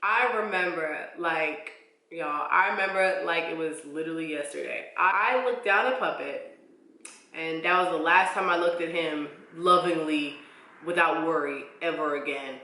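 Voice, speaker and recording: A woman's voice: low voice, normal speed. A young woman vlogger telling a personal story in a casual, slangy way, full of "like"s. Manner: expressive, slangy storytelling with many "like"s. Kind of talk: storytime vlog. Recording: echoey room.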